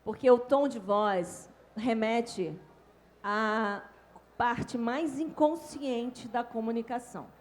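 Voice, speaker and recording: A woman with a Brazilian Portuguese accent giving an animated talk on communication at a conference panel. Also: on the high side, slow pace. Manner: animated, demonstrates tones with her own voice. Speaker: invited speaker on communication. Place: hotel conference stage.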